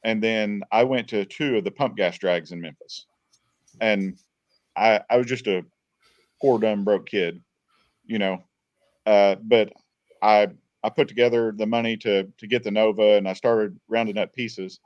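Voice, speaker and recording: A man's voice: fairly low pitch, steady tone, measured pace, a little mellow, no room sound, dull audio. A man guest on a podcast, telling long casual stories, repeating words and retelling what people said. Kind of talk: casual storytelling.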